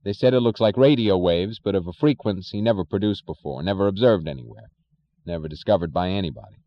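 A man voicing a weary male chief engineer who speaks quietly and slowly. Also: low-pitched, lo-fi sound, natural voice. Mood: weary calm. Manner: quiet, slow, resigned.

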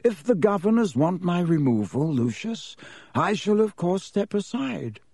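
Man voicing Dumbledore, calm commanding old headmaster. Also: high voice, dry recording, studio quality, voice pushed up, full character voice. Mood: sharp, resolute. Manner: polite, deliberate, very clear.

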